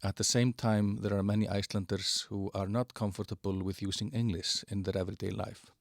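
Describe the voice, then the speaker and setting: A man giving a halting walkthrough of an online platform, with many fillers and restarts. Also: lowish voice, flat delivery, vocal fry, no echo, studio quality. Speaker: presenter of a digital platform. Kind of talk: screen-share product walkthrough.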